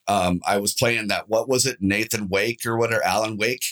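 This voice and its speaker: Laid-back, low-voiced male co-host. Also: moderate pace, fairly bright tone. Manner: laid-back and chatty, says "dude" and "man". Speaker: podcast co-host. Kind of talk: casual gaming podcast chat.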